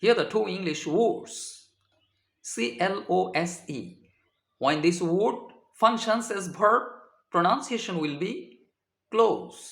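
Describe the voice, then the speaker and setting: A man's voice: high-pitched, expressive, extremely slow, a bit bright, reverberant. A man teaching English vocabulary, who spells words out letter by letter and translates each example. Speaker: English tutor. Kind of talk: slow deliberate vocabulary lesson.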